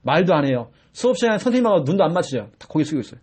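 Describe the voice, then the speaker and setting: A pastor in his forties delivers a sermon to his congregation in a husky, fairly high voice at a very fast pace. His preaching is animated, and his pitch swings widely as he acts out pleading cries and shouts.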